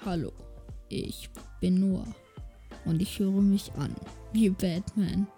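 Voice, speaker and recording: A woman talking through a voice changer that makes her sound like a deep-voiced masked man, playfully trying it out in casual chat. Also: steady tone, slow, mellow, soft background music. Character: deep disguised gravelly voice of a man like a masked hero. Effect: voice changer lowering the voice.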